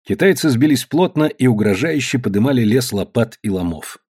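A man narrating an audiobook with measured storytelling. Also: mid-range voice, animated, a little mellow, breathy edge. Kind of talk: audiobook reading.

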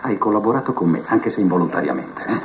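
A vain, scheming prisoner who thinks himself a genius, in a theatrical TV drama monologue. His voice climbs and dips with lively swings, soft mutters breaking into animated bursts. The sound is muffled and dull, with faint hiss, as if taped off a television speaker onto cassette. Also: deep voice, quick pace. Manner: musing to a cellmate, swinging between soft mutters and lively outbursts. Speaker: stage actor in a TV monologue. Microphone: cassette recorder mic held to a TV speaker.

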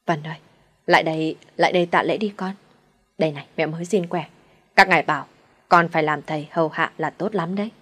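A woman's voice: deep voice, fast talker, a bit bright. A woman voicing an older fortune-teller mother who scolds shrilly and mutters prayers, in a storybook reading. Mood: coaxing. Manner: scolding, then fawning when praying.

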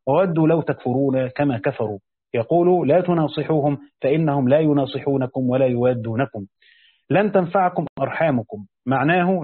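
A man reading a classical Quran commentary aloud, stopping to explain passages in his own words with small pauses and restarts. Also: mid-range voice, dry recording. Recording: tinny phone-like audio, dry.

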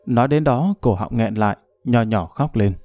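A man narrating a martial-arts novel as an audiobook, in a steady, even storytelling manner. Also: mid-range voice, moderate pace, no room sound, soft background music.

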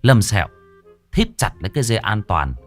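A man tells a story in a low voice with lively rises and falls, his narration earthy and colorful and a little fast. The recording is dry and close-miked, with faint music in the background.

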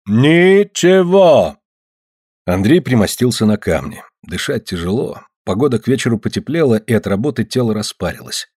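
A man tells a story in an expressive audiobook reading, his pitch moving freely up and down. His voice is husky, and the recording is dry and close. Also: brisk, few pauses, no room sound. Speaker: narrator.

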